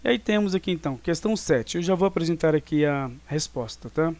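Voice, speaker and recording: Brazilian male teacher, higher voice. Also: lively intonation, a little fast, darkish tone. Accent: Brazilian Portuguese. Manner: explanatory, full of tag questions and fillers. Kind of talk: online class review lesson.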